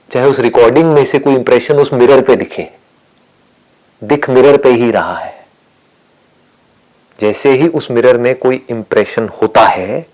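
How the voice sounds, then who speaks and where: A man with a lowish voice delivers a calm spiritual discourse. He speaks softly and often sinks almost to a whisper. He poses questions to his listeners and answers them himself. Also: rough recording. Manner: calm, soft-spoken, often dropping to a whisper; asks and answers his own rhetorical questions. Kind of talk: spiritual discourse mixing Hindi and English.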